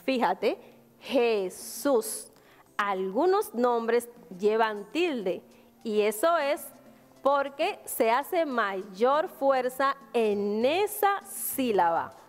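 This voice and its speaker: A woman's voice: fairly high pitch, sing-song, drawn-out words, long reverb tail. A woman with a Dominican Spanish accent teaching a virtual class to young children, spelling out syllables patiently and answering her own questions. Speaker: primary school teacher.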